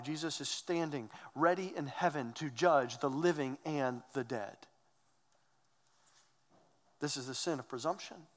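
A pastor delivers an earnest sermon, his fairly high voice pressing each point with emphatic rhetorical questions. His words ring out with a long reverb, as if spoken in a large church sanctuary.

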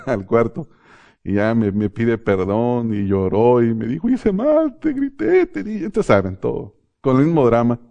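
Mellow-voiced male pastor preaching. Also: medium pitch, lo-fi sound. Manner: addresses the congregation as brothers, tells personal stories with laughter. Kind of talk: sermon.

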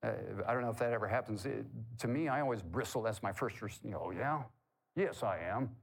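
A man delivering a sermon at a medium pitch, talking with his congregation as much as to them. He keeps it casual, asks them questions and cracks corny jokes between points. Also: quick pace, vocal fry. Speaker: pastor.

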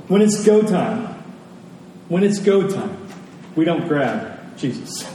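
In a large, reverberant room, a man gives a conversational sermon and keeps repeating key phrases for emphasis. His pitch is fairly high and his tone dark, and he speaks slowly but with great animation. The distant mic picks up a very echoey hall and faint noise.

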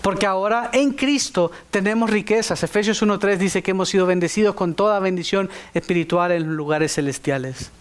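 Brief: male preacher, high voice, emphatic sermon delivery, asks the congregation questions. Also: a little fast, few pauses. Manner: emphatic, rising to high exclamations; speaks directly to the congregation with questions.

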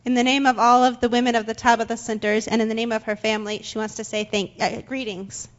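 A woman's voice: on the high side, little pitch movement, quick pace, muffled recording. A young woman interpreting into English for a guest in a church, slightly hesitant with fillers. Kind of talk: consecutive interpreting. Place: church sanctuary.

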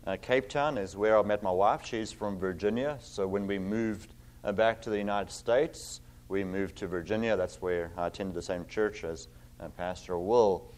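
A middle-aged South African man, visiting as a pastor, preaches a sermon in a low, darkish voice. He's earnest and uses many fillers, and he reads scripture slowly and with emphasis.

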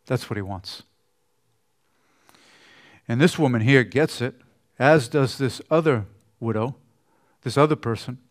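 A man preaching a sermon in a conversational way, often trailing off softly at the ends of phrases. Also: medium pitch, a little slow, long pauses. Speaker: pastor.

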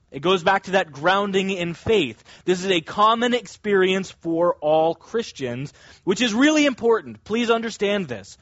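Male preacher, high voice, emphatic expository teaching, close dry sound. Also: fairly bright tone, no echo, highs cut off. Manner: emphatic, deliberate, with stressed key words. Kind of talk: expository sermon, teaching verse by verse.

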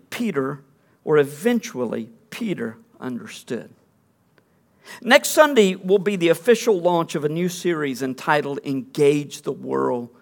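A middle-aged man preaching in an easy, conversational way, his voice sitting notably high for a man. He drops in playful, self-deprecating jokes between points of teaching. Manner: joking, self-deprecating asides. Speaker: pastor. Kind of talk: conversational sermon.

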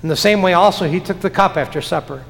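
Male pastor, fairly high voice, solemn chanted prayer cadence, long cathedral echo in a big chapel. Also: fast talker, vocal fry, a bit bright. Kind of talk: liturgical prayer. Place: large church chapel. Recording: long church reverb.

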